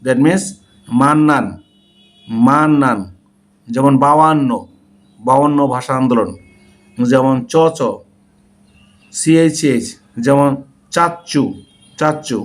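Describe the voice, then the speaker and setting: A man with a somewhat high voice teaches a language class. He spells out letters and words slowly and deliberately, like a patient classroom drill. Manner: slow, deliberate letter-by-letter dictation. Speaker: English teacher. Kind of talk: spoken language lesson.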